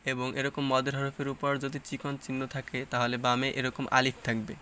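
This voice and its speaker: A man's voice: medium pitch, fairly bright tone, clean tone. A man teaching Quran recitation rules, explaining each rule plainly and asking and answering his own questions. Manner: explains rules plainly, then recites verses slowly and drawn out. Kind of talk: tajweed lesson, explaining and reciting.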